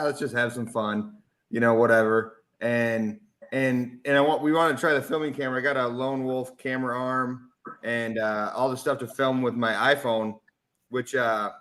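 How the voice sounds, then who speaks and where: Casual male guest, bright and forceful, self-mocking storyteller who laughs easily. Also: medium pitch, steady tone, fairly quick.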